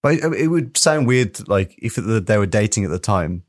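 Easygoing low-voiced male host. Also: animated, moderate pace. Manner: easygoing, laughs often, short backchannels. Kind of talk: casual chat.

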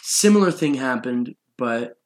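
A man's voice: mid-range voice, lively intonation, measured pace. Rambling young man telling a story. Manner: rambling storyteller, laughs often. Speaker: podcast host. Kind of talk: casual chat.

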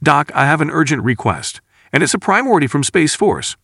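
A man reading the part of a woman military captain in an audiobook, barking short orders in a brisk, commanding way. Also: a little high, big pitch swings, creaky, fairly bright tone, husky, no room sound, studio quality, pitched above the performer's own voice, full character voice.

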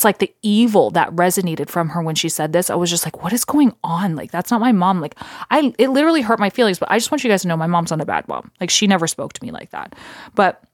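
A young woman with a fairly low voice tells a ghost story from her own life in a loose, chatty podcast style. She keeps turning to her listeners with "you guys" and fills her sentences with "like". The sound is close and dry, with no room around it. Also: no echo. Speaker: podcast host. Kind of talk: casual storytelling.

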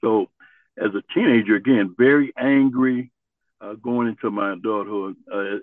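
An older man from Ohio, a Vietnam veteran, telling his life story in an interview in an earnest, halting way. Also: lowish voice, dry recording. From Ohio, USA. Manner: earnest, halting, searching for words. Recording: tinny phone-like line.

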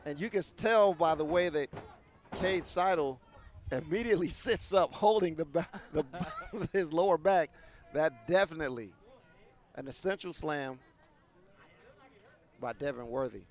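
High-voiced excitable male wrestling announcer. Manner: rapid play-by-play that bursts loud on big moves. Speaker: play-by-play wrestling commentator. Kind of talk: live wrestling commentary.

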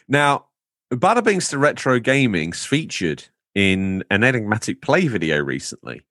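A man's voice: fairly low pitch, big pitch swings, takes it slowly, pauses often, a bit bright, dry recording, clean studio sound. A man hosting a podcast in casual chat, reading out listener comments with playful, rambling asides. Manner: playful, rambling, theatrical emphasis. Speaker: podcast host.

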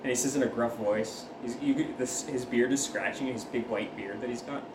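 A man's voice: mid-range voice, steady tone, normal speed. A man playing a tabletop game, narrating what his character does. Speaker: player. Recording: echoey room with clear noise.

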